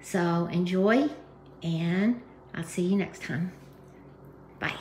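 A woman's voice: fairly low pitch, slow pace, crowd noise. Bubbly middle-aged woman vlogging on a phone. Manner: bubbly, gushing, proud. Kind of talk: casual vlog chat. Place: home kitchen, then restaurant bar with TVs. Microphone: phone camera at arm's length.

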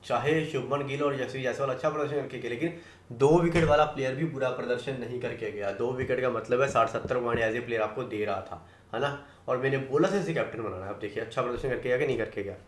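Guy rattling off cricket fantasy picks real quick, sure of himself, echoey room. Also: medium pitch. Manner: rapid, confident, keeps tagging "है ना" and "दोस्तों". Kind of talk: fast casual team-prediction talk.

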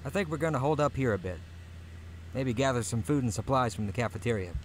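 A man's voice: medium pitch, fast talker, natural voice. A man playing a beleaguered facility survivor who urges others on in a video game. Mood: weary. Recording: faint game audio buried in heavy noise.

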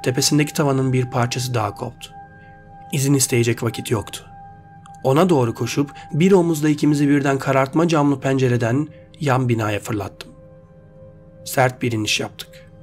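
A man reading out a sci-fi short story as its narrator, in a steady, measured voice. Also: mid-range voice. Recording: faint background music.

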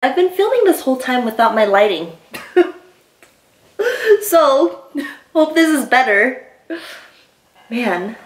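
A young woman chatting casually as she eats on her video, pausing, her mouth burning from spicy food. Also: sits high, very animated. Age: young adult. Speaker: mukbang video host. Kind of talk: casual chat while eating. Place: small room indoors. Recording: echoey room, distant camera mic.

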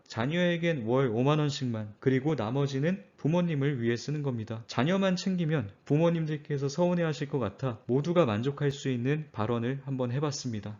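A man narrating a scripted finance talk in a calm, measured and earnest way. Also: medium pitch, dull audio. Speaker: finance channel host.

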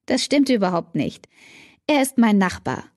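A woman's voice: mid-range voice, sing-song, moderate pace, no echo, close to an everyday voice. A woman voicing an exasperated, bookish teenage girl in an audiobook, with a dry close sound. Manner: exasperated, defensive.

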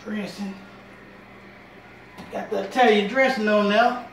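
Speaking slowly in a high, steady, gravelly voice with a fairly bright tone, a middle-aged home cooking show host chats and repeats himself as he works his way around a small kitchen. The mic is distant: a tripod-mounted camera across the room captures roomy, noisy audio with pots and dishes clattering.

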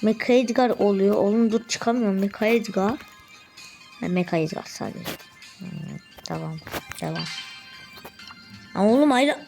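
Woman, gameplay commentary, gravelly, mid pitch, excitable, frustrated outbursts, addresses viewers. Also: unhurried, long pauses, faint music behind. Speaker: mobile game streamer.

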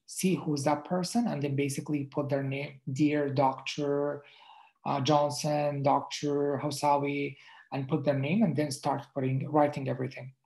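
A dermatologist whose first language is Arabic gives a casual online lecture over slides via video call, talking conversationally with many restarts and fillers. His voice is fairly high, fairly flat in pitch, moderately paced, creaky, and a little mellow, and the audio is poor.

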